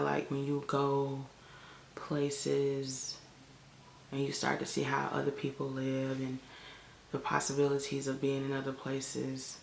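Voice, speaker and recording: A chatty young woman from Chicago talks straight to her camera in a loose, candid vlog, her words full of "like" and "um". Her voice has a gravelly, fried edge, and the room around her sounds echoey. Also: rumbling low, a little hiss or hum. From Chicago, United States. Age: 20s. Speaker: vlogger and college lecturer. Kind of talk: casual talking-to-camera vlog. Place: room on a family vacation. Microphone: camera in front of her.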